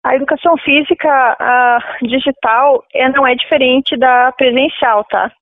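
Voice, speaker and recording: A woman's voice: high voice, steady tone, moderate pace, no room sound. A woman coordinating a university campus, interviewed on radio over a landline phone, explaining with frequent fillers and a habitual "tá?". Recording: tinny phone line on radio.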